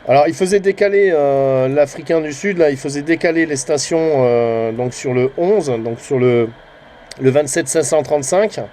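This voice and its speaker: With a slightly high pitch, a warm tone, and a moderate pace, this man talks over a faint hiss or hum. He runs a channel about amateur CB radio and chats in a hesitant, wandering vlog style, often tailing off with tag words.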